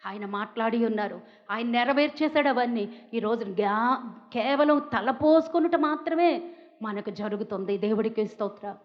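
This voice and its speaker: A woman pastor from India preaching a sermon with emotional emphasis and dramatic pauses. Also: fairly high pitch, long reverb tail, highs cut off.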